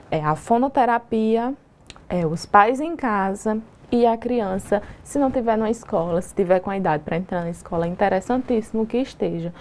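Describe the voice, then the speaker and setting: Didactic Brazilian woman, fairly high voice. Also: darkish tone. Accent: Brazilian Portuguese. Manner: patient, didactic, asks rhetorical questions. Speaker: speech therapist guest. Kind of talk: explanatory interview talk. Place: TV studio.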